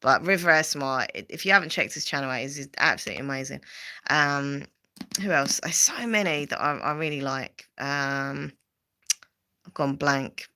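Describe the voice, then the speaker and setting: Essex woman host, low and bright-toned, rambling casual chat, lots of fillers. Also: normal speed. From Southend, England. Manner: rambling and chatty, with frequent fillers and repeats. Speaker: livestream host.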